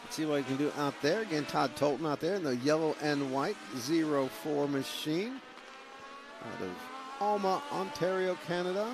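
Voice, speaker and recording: A man's voice: fairly high pitch, lively intonation, normal speed, noisy background. A man calling live practice laps at a small speedway, in a folksy, joking way. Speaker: race announcer. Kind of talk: live race commentary.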